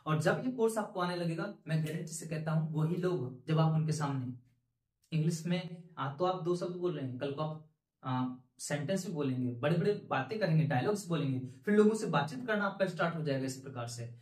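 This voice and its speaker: Man, high voice, encouraging teacher, earnest, echoey room. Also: a little fast, a little mellow. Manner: earnest, encouraging, repeats points with rising emphasis. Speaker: spoken English teacher. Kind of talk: motivational lesson talk to learners.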